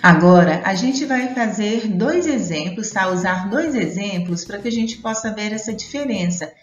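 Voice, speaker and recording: A woman teaching small children, her voice rising and falling in a sing-song way as she draws out each syllable. The sound is dull and a little roomy, with soft music underneath. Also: medium pitch, lively intonation, normal speed. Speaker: primary school teacher.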